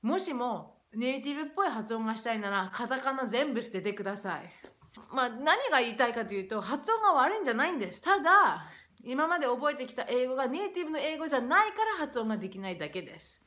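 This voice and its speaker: Young woman vlogging, bouncy up-and-down voice, kinda high, faint music underneath. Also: quick pace. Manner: lively, switches between English and Japanese. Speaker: English-pronunciation YouTuber. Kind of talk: casual talk to camera.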